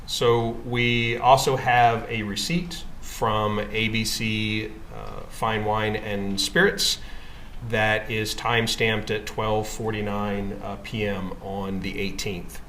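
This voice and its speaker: A man giving formal, matter-of-fact testimony as a witness, walking through records slide by slide in a measured way. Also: lowish voice, level tone, fairly bright tone. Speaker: witness presenting records in court. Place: courtroom. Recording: echoey room with background noise.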